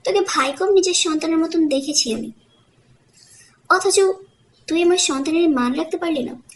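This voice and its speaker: A woman's voice: very high voice, normal speed. A woman voicing a proud young wife who scolds her family in cutting, bitter tones, in a romantic audiobook.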